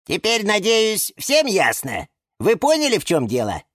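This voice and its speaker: A man doing a fussy, squeaky lemon plant. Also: measured pace, no echo, clean studio sound, full character voice. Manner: excitable, shrill when upset. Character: fussy know-it-all lemon houseplant, male.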